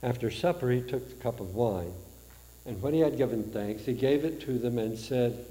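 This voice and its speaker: A man as priest, reciting the Eucharistic prayer in a slow, measured way, his voice carrying a cathedral echo in a large church. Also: medium pitch, mellow. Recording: long reverb from a large church.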